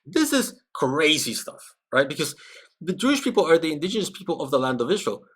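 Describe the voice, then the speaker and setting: A man's voice: on the high side, big pitch swings, brisk, a bit bright, breathy edge. A man from Peru giving conversational, analytical commentary on a live stream, often checking in with "right?". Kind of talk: live-stream commentary reacting to a video with chat.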